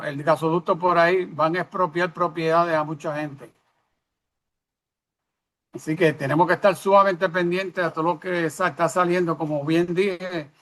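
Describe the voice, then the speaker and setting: A man with a Puerto Rican Caribbean Spanish accent gives unscripted political commentary as a program co-host, haltingly, often restarting his phrases. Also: on the high side, fairly bright tone. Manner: halting, with repeated words and restarts. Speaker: co-host of a current affairs program.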